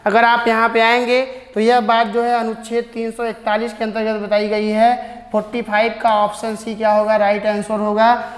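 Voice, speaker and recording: A woman teacher explains exam answers in a rather high, flat voice. She reads the English questions slowly, then moves on. The room is echoey, with a long reverb tail.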